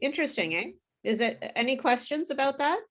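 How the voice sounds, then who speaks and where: Brief: woman pronunciation teacher, friendly, slightly high voice, frequent check-ins. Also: animated, fairly bright tone. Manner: friendly, explains slowly and checks understanding with okay. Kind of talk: live online group class.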